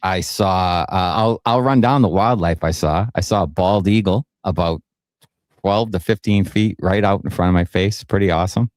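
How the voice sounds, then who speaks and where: A man's voice: sits low, moderate pace, a little mellow, dry recording, studio quality. A man co-hosting a casual sports podcast, telling stories in a laid-back, profane way. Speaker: podcast co-host.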